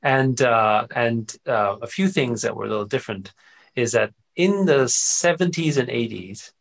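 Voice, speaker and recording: A middle-aged man from Austria talks as a guest in a relaxed interview. His voice is low-middle, gravelly and a bit husky. He tells stories with plenty of energy and keeps checking in with his listener. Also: normal speed. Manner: animated storyteller, frequent "right?" and "you know" tags. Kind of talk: casual conversational interview.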